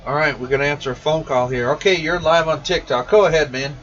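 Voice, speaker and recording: On a live stream, an informal, enthusiastic radio shop technician chats casually and answers questions. His voice is on the high side, steady, fast, and a bit bright. The mic sounds muffled and distant, with faint noise.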